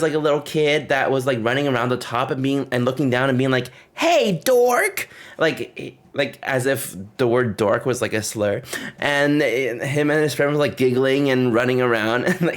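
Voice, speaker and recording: A man livestreaming, casually telling trip stories to his chat, laughing often and breaking off to greet and thank viewers. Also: medium pitch. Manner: animated, laughing often, rambling with fillers.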